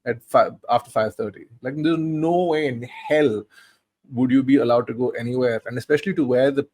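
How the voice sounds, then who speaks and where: A man's voice: medium pitch, moderate pace, a little mellow, dry recording. Man in his thirties, chatty podcast co-host. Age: 30s. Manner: storytelling, many restarts. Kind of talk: casual film discussion.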